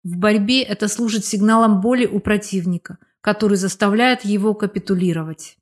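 Brief: female audiobook narrator, first person, steady and measured delivery. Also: medium pitch.

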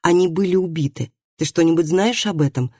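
An earnest man asks plain, direct questions, as an audiobook reader puts him on. His tone is mellow and dark, and the sound is dry. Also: medium pitch, brisk, husky, no echo, close to an everyday voice. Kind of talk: audiobook dialogue reading.

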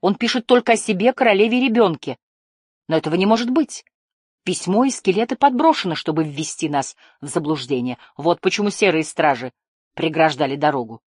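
Earnest teen boy hero voiced by a woman reader, storybook dialogue, low and dry. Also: animated, a little fast, a little mellow, slightly rough, no room sound.

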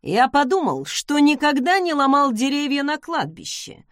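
A woman's voice: high voice, big pitch swings, moderate pace, no room sound, clean studio sound, pitched above the performer's own voice. A woman reading the lines of a smug, charming young male academy student who teases with ironic remarks. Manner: teasing, ironic.

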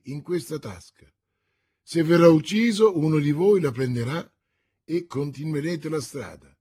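A man's voice: a little high, darkish tone, breathy edge. A man voicing a bold young male musketeer who gives firm, decisive orders. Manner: decisive, commanding.

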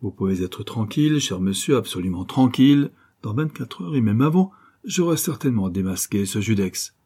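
A man's voice: mid-range voice, normal speed, warm tone, husky, voice pushed up, lightly acted. A man voicing a boastful private detective who bluffs, speaking in a reassuring, self-assured manner. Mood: bluffing.

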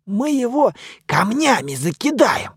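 A man's voice: extremely high pitch, very animated, measured pace, breathy edge, dry recording, studio quality, voice pushed up, full character voice. A man voicing a scheming mummy servant who eagerly plots an ambush.

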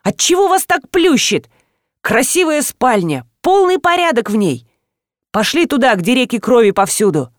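A woman voicing a grumbling middle-aged male forensic expert in an audiobook, gruff and complaining. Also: on the high side, sing-song, normal speed, no echo, studio quality, pitched above the performer's own voice. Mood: sarcastic. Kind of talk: audiobook reading.

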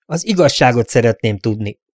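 A man's voice: fairly low pitch, sing-song, dry recording, clean studio sound. A man voicing a stern older lord who speaks firmly and curtly in an audiobook. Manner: firm, curt.

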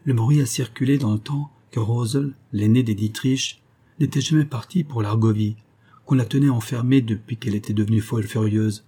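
A man's voice: mid-range voice, steady tone, normal speed, warm tone, breathy edge, close to an everyday voice. A man reading an audiobook, voicing a stern village blacksmith who speaks with indignation and threat. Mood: indignant.

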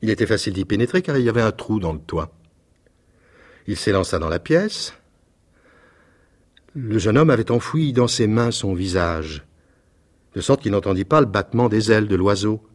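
Low-voiced man reading a tale. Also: animated, moderate pace, long pauses. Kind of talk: storybook reading.

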